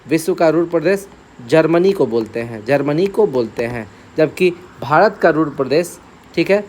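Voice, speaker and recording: A man's voice: fairly high pitch, darkish tone, a little hiss or hum. A man teaching exam-prep geography, repeating key terms, asking questions and answering them himself, and checking in often with his students. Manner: checks in often with "theek hai".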